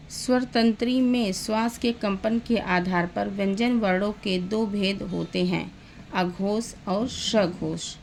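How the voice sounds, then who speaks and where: A woman teaching Hindi grammar, reading out lists of letters one by one in a slow, deliberate classroom manner. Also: mid-range voice, gravelly, darkish tone, a little hiss or hum.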